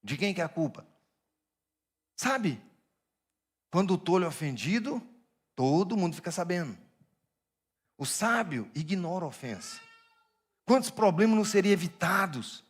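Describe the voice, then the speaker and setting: A male pastor preaching a sermon, swinging between hushed asides and shouted emphasis and asking his congregation direct questions. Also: high-pitched.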